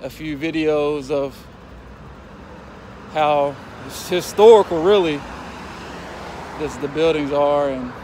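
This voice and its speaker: A football player in his twenties strolls through city streets and a square, chatting to a phone camera held at arm's length. He sounds relaxed and grateful, with a fairly high voice, slow delivery and long pauses. Street noise and passing traffic come through in the background.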